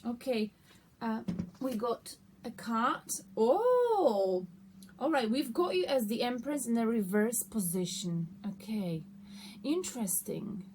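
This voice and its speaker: A woman with a fairly high voice hosts a casual tarot reading. She talks conversationally, straight to her listeners, and often checks that they follow. There is some faint noise behind her. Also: expressive, measured pace, poor audio. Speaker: tarot card reader hosting an online reading. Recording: noticeable background noise.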